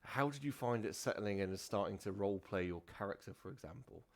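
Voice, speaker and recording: A man in a relaxed podcast chat, hosting as a dungeon master. His voice sits fairly low, and he rambles, restarting sentences and filling gaps with ums. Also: quick pace, gravelly. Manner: rambling, many fillers and restarts.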